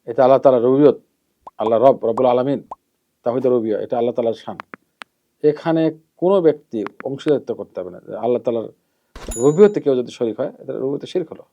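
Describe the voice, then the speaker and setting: A man giving a measured hadith lesson as an Islamic preacher, repeating key terms and letting his phrases trail off softly. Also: mid-range voice. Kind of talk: hadith lesson, explaining and admonishing. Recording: dull lo-fi recording.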